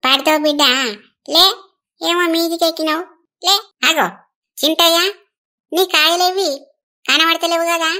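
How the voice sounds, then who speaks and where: A woman playing a bright, high-voiced teasing village granny. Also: fairly even intonation, unhurried, long pauses, exaggerated voice. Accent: Telangana Telugu. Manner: teasing, coaxing.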